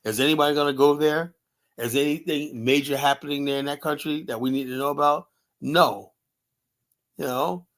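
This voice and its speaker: A man's voice: fairly high pitch, fairly even intonation, moderate pace. A man hosting a live stream, talking bluntly and profanely, arguing, with many "you know" fillers. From United States. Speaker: host. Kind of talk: combative live-stream commentary.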